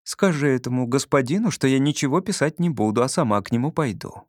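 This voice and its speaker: A man reading a calm, kindly older sister. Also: mid-range voice, fast talker, no room sound, studio quality, lightly acted. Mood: gentle. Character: clever young woman, kind older sister.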